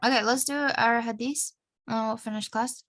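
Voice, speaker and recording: A woman's voice: on the high side, fairly even intonation, moderate pace, fairly bright tone, no echo, rough recording. A young woman teaching an online class over a video call, patiently having students repeat phrases after her.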